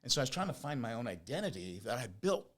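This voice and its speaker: A man's voice: mid-range voice, big pitch swings, quick pace, fairly bright tone. An American man in his fifties or older with a whistling s, telling his story conversationally as an interview guest, with emphatic repetition and rhetorical questions. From Oregon, United States. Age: 50s or older. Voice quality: whistling s from new teeth. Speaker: podcast guest, business owner.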